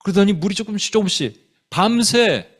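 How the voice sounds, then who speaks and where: Guy pastor preaching, lively sing-song voice going up and down, kinda high for a man, acts out the quotes. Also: normal speed. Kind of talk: sermon. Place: church sanctuary.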